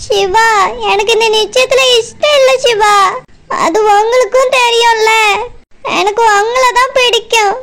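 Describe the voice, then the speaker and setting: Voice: very high-pitched, fairly even intonation, a little slow. A voice actor playing a tearful, lovesick young woman in a cartoon, pleading and weepy. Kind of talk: cartoon voice acting.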